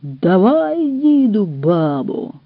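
A woman's voice: mid-range voice, very animated, extremely slow, no room sound, heavily acted. A woman voicing a greedy threatening wolf. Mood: menacing. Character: greedy menacing male wolf demanding food. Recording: dull dry recording.

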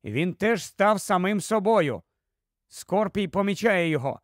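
High-voiced man telling a story. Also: expressive, a little slow, no room sound, studio quality. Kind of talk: dramatic story narration.

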